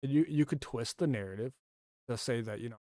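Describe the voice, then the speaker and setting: Guy livestreaming, rambly casual chat, mid pitch, dry close mic sound. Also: a little fast, dark tone, no echo. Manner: rambling, self-correcting, laughs often.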